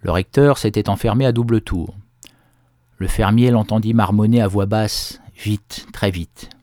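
A man narrating a folk tale in a measured storytelling manner. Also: fairly low pitch, mellow, dry recording, studio quality.

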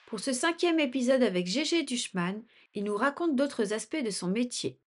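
A woman's voice: a little high, animated, moderate pace, loud music behind the voice. A woman working as an interviewer, giving introductions and putting questions to a guest.

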